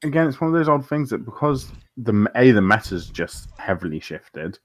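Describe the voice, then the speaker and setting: A man's voice: mid-range voice, very animated, normal speed, dry recording. A man co-casting an esports match, chatty and speculative. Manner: chatty, laughs easily, speculative. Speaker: esports co-caster. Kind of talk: casual esports commentary.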